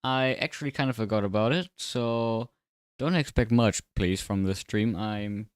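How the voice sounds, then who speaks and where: A man's voice: lowish voice, measured pace, clear, resonant tone, no echo. Man livestreaming with braces, very dry sound. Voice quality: slightly slurred, odd S sounds from new braces. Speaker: livestreamer and sim racing commentator. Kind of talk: casual livestream chat and race commentary.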